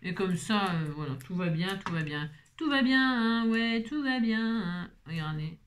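A woman's voice: fairly low pitch, normal speed, fairly bright tone, a little hiss or hum. A woman hosting a craft tutorial, chatting and rambling with self-mocking asides as she works, feeling unwell. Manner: rambling, self-mocking, talks to viewers while working. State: unwell with migraine.

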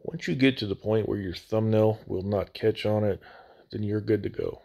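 Creaky and warm, this fairly low male voice moves at a normal speed while guiding a hands-on hobby tutorial. He hosts a scale model building channel and talks in a casual, folksy, plain-spoken way, recorded on a phone mic with a slight echo.

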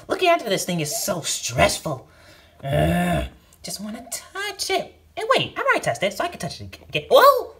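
Feisty young girl guard , a woman voicing her, bouncy, yelps when angry, very wide pitch swings. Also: wildly swooping pitch, moderate pace. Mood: playful. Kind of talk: amateur toy-movie voice acting.

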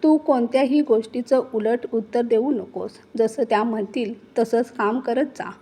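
Woman doing a kind caring maid, soft soothing talk, husky voice. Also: a little high, moderate pace. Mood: gentle. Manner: gentle, soothing. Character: kind middle-aged female housemaid, gentle and caring.

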